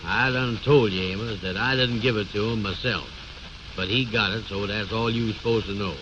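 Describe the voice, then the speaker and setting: A man's voice: fairly low pitch, steady tone, moderate pace, close to an everyday voice. An actor playing a bossy, self-important man who blusters in folksy ungrammatical speech, in old radio comedy style. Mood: bossy, evasive. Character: pompous, bossy, know-it-all man bluffing his friend. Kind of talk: 1930s-40s radio comedy acting. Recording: muffled, noisy old radio recording.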